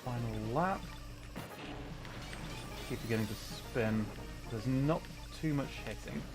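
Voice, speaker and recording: A man who is a VTuber livestream host chats casually while playing a racing game, thinking aloud in short reactive bursts. His medium-pitched voice is slow, heard over loud music.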